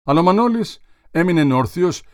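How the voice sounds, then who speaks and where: A man narrating a literary audiobook in a measured, formal reading style. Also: high-pitched, expressive, darkish tone, no echo, studio quality.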